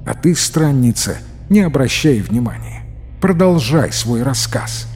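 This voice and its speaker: A man voicing a patient young husband who gently calms his wife in a storybook reading. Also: medium pitch, a little slow, faint music behind. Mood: soothing. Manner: soothing, mildly reproachful.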